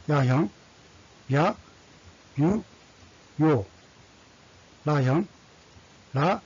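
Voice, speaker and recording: Slow, husky man teaching syllables. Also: on the high side, a little mellow, highs cut off. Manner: drills syllables one by one, repeats set phrases. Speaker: language teacher. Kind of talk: slow scripted lesson, reading kana aloud.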